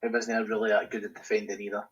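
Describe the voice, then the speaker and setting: Flat-voiced Scottish man, laid-back. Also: fairly low pitch, quick pace, dull audio. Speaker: podcast co-host. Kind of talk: casual chat.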